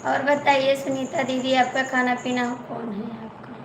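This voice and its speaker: Female live-stream host, high voice, teasing and pleading, echoey room, clear insect noise behind. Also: level tone, normal speed. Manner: pleading, teasing, repeats herself. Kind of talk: casual live-stream chat reading comments.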